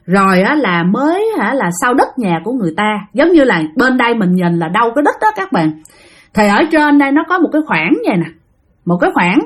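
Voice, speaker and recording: A woman's voice: fairly high pitch, big pitch swings, fairly quick. A woman telling a spooky story in a casual, chatty way, speaking straight to her listeners. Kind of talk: casual spoken ghost story.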